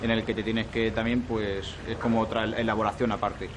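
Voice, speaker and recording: A man, a winemaker, explaining slowly and thoughtfully in an interview. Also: on the low side, flat delivery. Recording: outdoor noise, traffic behind.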